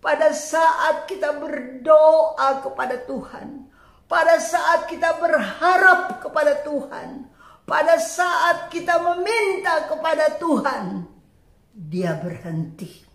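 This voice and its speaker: High-voiced woman preaching slowly, echoey room. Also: vocal fry. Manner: earnest, emphatic preaching with dramatic pauses and quoted cries. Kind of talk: sermon.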